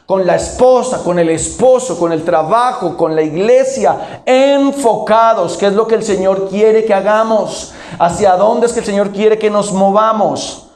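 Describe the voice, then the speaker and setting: High-voiced pastor preaching in echoey hall. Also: male voice, a little mellow. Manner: asks the congregation questions and answers them himself. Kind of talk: sermon.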